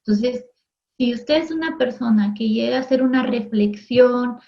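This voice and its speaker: A woman teaches a recorded television class in a friendly, conversational manner and keeps checking in with her listeners. Her voice sits a little high. The broadcast audio is dull and lo-fi. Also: creaky, mellow. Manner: acts out everyday voices in quick asides.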